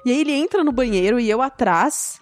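A woman telling a story in a casual chat, animated and often laughing. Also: on the high side, a little fast, soft background music. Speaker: storyteller guest.

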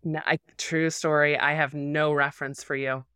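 A woman in her forties co-hosting a podcast, chatting casually and telling animated stories with playful voices for the people in them. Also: sits low, normal speed, clean tone, no echo, studio quality. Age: 40s. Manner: animated storyteller, acts out voices in anecdotes. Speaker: podcast co-host. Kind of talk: casual chat.

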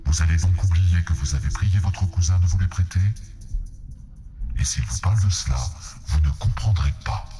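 A man voicing a calm, commanding male doctor who hypnotizes a woman and gives her slow, firm orders. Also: low voice, over music, pitched below the performer's own voice, natural voice.

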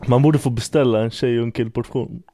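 A man's voice: mid-range voice, steady tone, mellow. A man co-hosting a podcast in crude casual chat, blunt and swearing a lot, laughing often. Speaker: podcast co-host.

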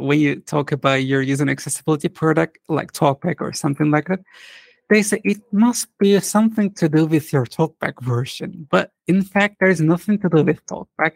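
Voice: medium pitch, vocal fry, a little mellow, no room sound. A podcast co-host chatting casually about tech, in an earnest, exasperated way.

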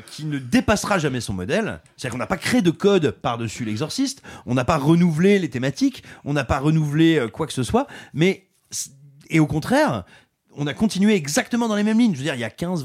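Animated mocking French film critic. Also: male voice, a little high, brisk. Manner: animated, mocking, does comic impressions. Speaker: film critic podcast host. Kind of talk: casual film review chat.

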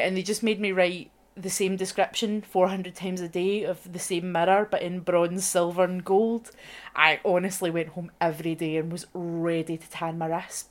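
A Scottish woman co-hosting a radio music show, chatting and telling stories with plenty of swearing. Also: lowish voice. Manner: sweary, animated storytelling. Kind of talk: casual chat.

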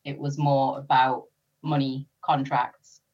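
Dull-sounding audio captures a woman's bass, husky voice, a little mellow, with little pitch movement as she takes things slowly. Born in Sri Lanka and brought up in North East England, the former police officer laughs easily and says um a lot in this relaxed podcast interview.

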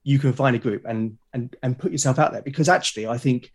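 A British man appears as a podcast guest, chatting casually and earnestly in an encouraging way. His mid-range voice has a breathy edge, and he talks fast.

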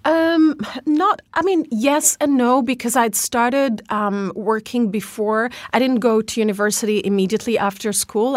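With a mid-range voice on a dry recording, a woman in her thirties talks as a guest in a conversational interview. She's an Algerian fashion founder with a Lebanese accent. She speaks reflectively, often restarting and using fillers.

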